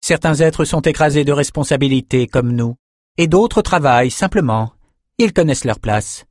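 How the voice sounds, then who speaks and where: A man's voice: on the high side, lively intonation, normal speed, darkish tone, no echo, clean studio sound, pitched above the performer's own voice, natural voice. A man voicing a haughty, cold female magician who speaks loftily in a storybook.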